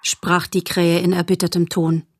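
A woman narrating a storybook in a calm, measured way, as an audiobook reader. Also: fairly low pitch, no room sound, studio quality.

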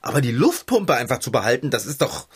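A woman's voice: rumbling low, sing-song, quick pace, breathy edge, full character voice. A woman voicing a hot-tempered bicycle mechanic in a children's audio drama, indignant and complaining. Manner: indignant, easily riled, complaining.

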